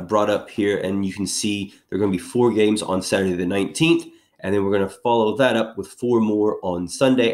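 Man, slightly low voice, head cold, casual betting preview, rambling with fillers. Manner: rambling, filler-heavy delivery. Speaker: sports betting analyst host.

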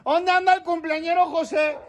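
A man with a Mexican accent, a costumed entertainer shouting jokes and birthday greetings on a neighborhood street. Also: little pitch movement, normal speed, dry recording. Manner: shrill, shouting, joking in street slang. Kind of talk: street prank-style greeting vlog.

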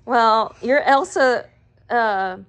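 A mother at home in casual family chat, gently coaxing and instructing, with dry joking asides. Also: a little high, drawn-out words, clean tone.

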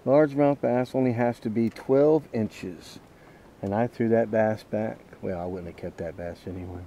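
A man fishes outdoors from a small boat on a lake, narrating casually and folksily for himself and his viewers. He speaks at a normal speed in a fairly low, dark-toned voice, with faint boat and water noise around him.

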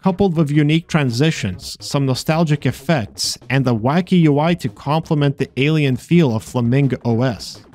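A man's voice: on the high side, normal speed, hardly any pauses, darkish tone. A man narrating a scripted voice-over about a video game, with dry, sarcastic asides. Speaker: video host exploring games. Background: faint game music.

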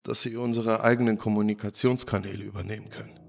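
A man's voice: fairly low pitch, little pitch movement, quick pace, gravelly, soft background music. A man voicing a brilliant, irritable male doctor who explains things precisely in a lecturing way, in a spoken horror story.

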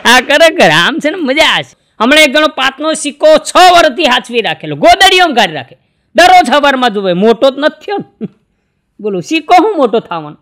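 A man from Gujarat telling jokes on stage in a folksy storytelling way, acting out the dialogue in his stories. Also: bright, forceful tone. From Gujarat, India. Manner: folksy storytelling, acts out dialogue with shifting pitch. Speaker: stand-up comedian.

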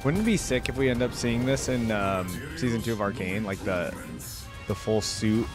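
Over background music, a young adult man with a lowish voice speaks at normal speed, offering casual game reaction commentary as he thinks aloud. He's a reaction video host at a desk in a small indoor room, using a close desk microphone while wearing a headset.

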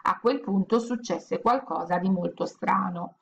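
Woman reading a kids story out loud, gravelly voice, steady and gentle. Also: mid-range voice, measured pace, lo-fi sound. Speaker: audiobook reader. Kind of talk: reading a children's storybook aloud.

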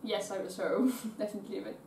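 A young woman from Austria answering interview questions in a small dorm bedroom, calm and reflective. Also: medium pitch, fast talker, vocal fry, slight background noise. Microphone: far camera. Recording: roomy, distant camera sound.

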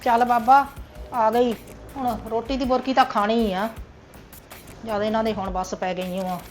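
A grumbling old Punjabi mother, as a woman plays her, her voice sitting a little high for a woman. She complains with self-pity about her son and daughter-in-law, and faint music runs under her lines in this family drama. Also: level tone, moderate pace, lightly acted. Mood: resigned.

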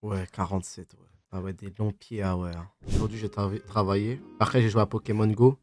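A man from France hosting a casual voice chat as a streamer, teasing and mock-serious, now and then breaking into loud fake outrage. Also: on the low side, fairly even intonation, brisk, faint music behind. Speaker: streamer host.

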